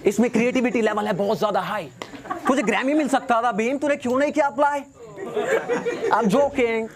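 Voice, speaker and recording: A young man with a high voice spits battle-rap verses at a rival. He sounds cocky and taunting, with a mocking edge to every rhyme and English phrases thrown in. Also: normal speed, some chatter behind, a little hiss or hum. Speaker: battle rapper.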